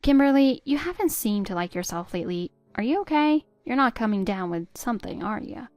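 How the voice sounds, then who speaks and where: A woman voicing a patient, hurt middle-aged stepmother who pleads gently with her stepdaughter. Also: on the high side, animated, fairly quick, faint music behind, lightly acted. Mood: pleading. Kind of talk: text-story voice acting.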